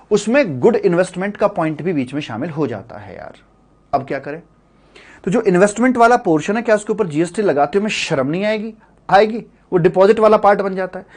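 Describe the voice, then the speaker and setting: A middle-aged man teaching tax law in a chatty classroom lecture, full of rhetorical questions and friendly asides to students. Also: high voice. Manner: calls students sir and buddy.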